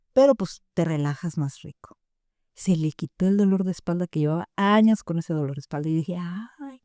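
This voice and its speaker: Animated woman, warm mellow voice. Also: on the low side, clear, resonant tone, no room sound, studio quality. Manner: animated, acts out quoted dialogue. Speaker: therapist guest. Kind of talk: casual storytelling.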